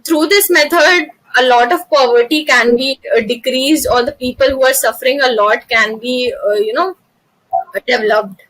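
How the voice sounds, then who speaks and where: A woman's voice: high-pitched, moderate pace, a bit bright, rough recording. A young woman with an Indian accent answering as a job interview candidate, formal and deferential. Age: young adult.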